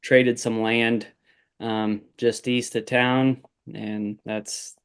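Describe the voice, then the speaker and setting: A man in his forties, a farmer guest on a podcast, talking in a relaxed, rambling way with many fillers. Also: medium pitch, very slow, clean tone. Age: 40s. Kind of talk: casual interview chat.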